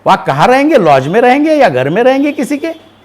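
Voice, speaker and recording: A man putting on a foolish court jester from a spoken folk tale, his voice jumping high and lively. He fires off excited questions one after another. His voice swings widely in pitch. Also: a little fast. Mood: curious. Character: foolish royal male jester, eager questioner.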